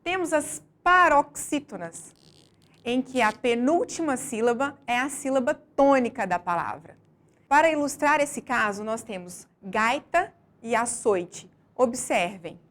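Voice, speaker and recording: A woman teacher reading a scripted lesson slowly and deliberately, stressing each syllable as she explains. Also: fairly high pitch, expressive, fairly bright tone.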